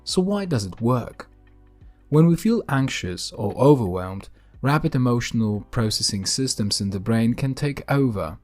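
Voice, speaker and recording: A man hosting a podcast in a calm, gentle, unhurried way, narrating a scripted grounding exercise with deliberate pauses. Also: mid-range voice, faint music behind. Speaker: podcast host.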